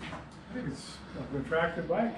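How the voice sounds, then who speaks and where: A man's voice: a little high, expressive, moderate pace, low-quality recording. A middle-aged or older man giving brief, casual replies as an off-camera helper, a little away from the mic. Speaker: host's father, off-camera helper. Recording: away from mic, background noise.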